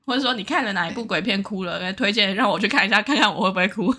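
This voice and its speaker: A woman's voice: mid-range voice, racing, pushed and bright. A young woman, co-hosting a podcast and telling stories in a chatty, laughing way. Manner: chatty storytelling, laughing often. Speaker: podcast co-host. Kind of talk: casual chat.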